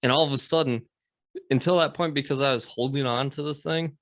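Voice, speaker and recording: A man's voice: medium pitch, steady tone, brisk, dry recording, studio quality. A man from the United States hosting a podcast, telling a long story in casual, rambling talk with lots of fillers and swearing. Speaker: podcast host.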